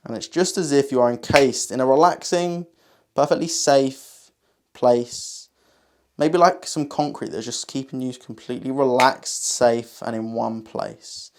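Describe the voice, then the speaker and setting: Male hypnotist, mid-pitched, slow and soothing, repetitive guided relaxation with pauses.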